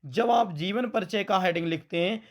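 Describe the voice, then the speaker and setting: At a moderate pace and in a high voice, this coaching teacher gives an exam-prep lesson. He speaks Hindi with a western Uttar Pradesh accent, often says "beta" to his students, and repeats his points back as questions.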